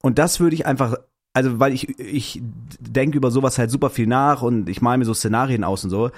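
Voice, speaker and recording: A young man co-hosting a podcast, telling a story excitedly in slangy casual chat. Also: mid-range voice, brisk. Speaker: podcast co-host.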